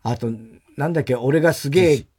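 A man's voice: on the high side, quick pace, darkish tone, breathy edge. A middle-aged man co-hosting a comedy talk show, answering his partner with easy back-channeling and teasing retorts. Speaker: comedy duo member, radio co-host. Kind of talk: casual banter.

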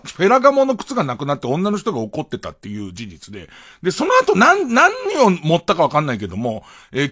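A man's voice: on the high side, fairly bright tone. A man hosting a late-night radio show, telling meandering, self-mocking stories in a studio. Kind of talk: rambling late-night radio free talk. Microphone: studio microphone.

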